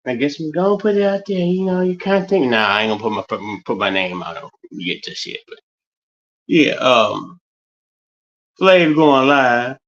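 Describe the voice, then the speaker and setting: A man's voice: mid-range voice, fairly quick, fairly bright tone, dull audio. A man with a West Virginia Appalachian accent rambling through a casual livestream monologue, often repeating and restarting his phrases. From West Virginia, United States.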